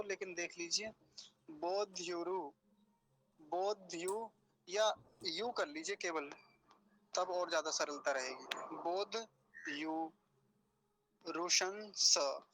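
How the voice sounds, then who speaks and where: High-voiced man teaching Sanskrit pronunciation. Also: bright, forceful tone, slight background noise. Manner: patient, repeats syllables slowly and deliberately; explains step by step. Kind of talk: pronunciation lesson.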